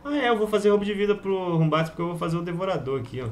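A man's voice: high-pitched, lively intonation, rapid-fire, background noise. A young adult Brazilian man chatting casually over gameplay, teasing and slangy. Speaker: game streamer.

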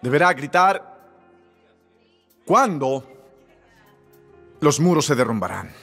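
A man preaching a sermon as pastor, emphatic and shouting, leading the crowd in call-and-response. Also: fairly high pitch, very animated, slow pace, long reverb tail, faint music behind.

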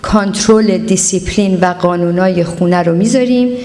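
A woman's voice: fairly low pitch, mellow. A woman speaking at a parenting seminar, giving earnest advice and slipping English words into her talk. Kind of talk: seminar lecture. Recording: long hall reverb.

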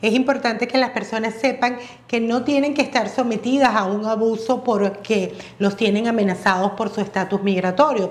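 A woman hosting a conversational interview, asking measured questions with occasional hesitation fillers. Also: on the high side. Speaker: interview host. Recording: roomy sound with faint music.

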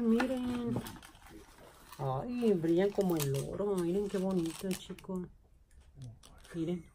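A woman vlogging casually as she unboxes finds, gushing with excitement and calling to her viewers. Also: mid-range voice, noisy background.

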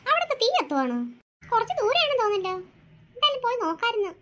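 A woman's voice: very high voice, sing-song, rapid-fire, noisy background. A woman voicing a young girl alone at night in a cartoon, frightened and muttering to herself. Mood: musing. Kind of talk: cartoon voice acting.

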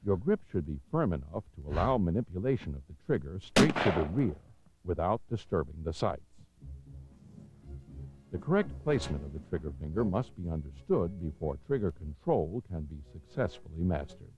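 An American man with a deep voice narrates a training film, sounding measured and authoritative. He enunciates every instruction as his pitch steps around in a lively way. The audio is a bit dull, like the soundtrack of a 1990s videotape.

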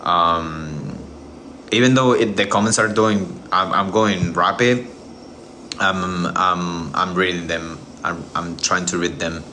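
A man's voice: sits low, takes it slowly, bright, forceful tone, a little hiss or hum. A man in his thirties chatting casually on a livestream from his kitchen, rambling and restarting often, recorded on a phone's front camera. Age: 30s. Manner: rambling, hesitant, many restarts. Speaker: livestream host. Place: indoor home kitchen.

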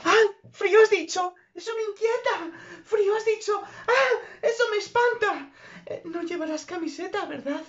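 A lovesick young noblewoman pours out her passion in melodramatic exclamations in a stage comedy, as a woman acts her out. Her voice is very high, and the recording is dull and muffled. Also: moderate pace, a bit bright. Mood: melodramatic love.

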